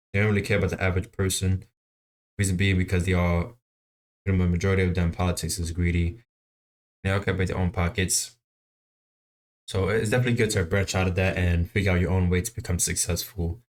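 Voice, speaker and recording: A man's voice: deep voice, a little mellow. A man hosting a reaction video in casual commentary, laid-back, slangy and repetitive.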